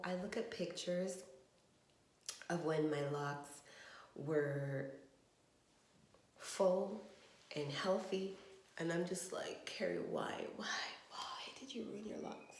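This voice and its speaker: A woman rambles in a frustrated, trailing way while vlogging on her phone camera in her home bathroom, a casual monologue. Her low voice is a little mellow, and the bathroom gives the phone recording an echo.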